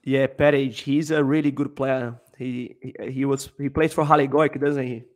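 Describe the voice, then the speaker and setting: Speaking at a normal pace with a mid-range, fairly even voice, this thirty-something man hosts a futsal podcast on a video call through a headset. He fires off questions enthusiastically, sometimes restarting his sentences.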